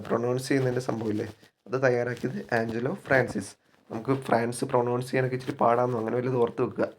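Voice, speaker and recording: Man drilling exam facts, mid-pitched. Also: a little hiss or hum. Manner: repeats key facts and quizzes himself. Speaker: exam coaching teacher. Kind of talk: spoken exam-prep lesson.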